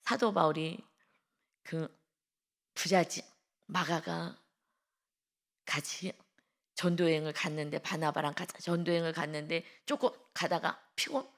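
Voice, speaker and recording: A woman pastor giving an early-morning devotional sermon, emphatic, swinging between loud exclamations and hushed asides and tagging phrases with a drawn-out polite ending. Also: fairly low pitch.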